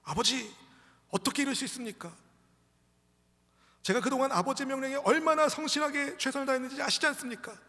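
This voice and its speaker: A man voicing a resentful young elder son who protests loudly in a high, accusing voice. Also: lively intonation, fairly quick. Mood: furious. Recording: echoey church hall.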